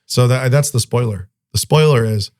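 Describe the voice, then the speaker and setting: A podcast co-host chats casually, rambling and laughing a lot. His mid-range voice is slightly mellow and moves at a moderate pace.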